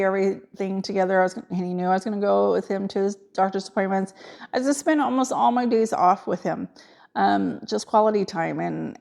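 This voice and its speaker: A middle-aged woman, a nurse, telling a personal family story in a halting, emotional way with many fillers. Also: mid-range voice, creaky, a little mellow.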